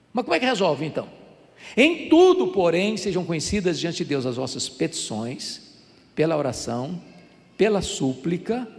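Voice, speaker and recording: Brazilian man, sixties, preaching sermon, gravelly voice, echoing hall. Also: high-pitched. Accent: Brazilian Portuguese. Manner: animated storytelling, acts out voices, builds to fervent prayer. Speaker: pastor.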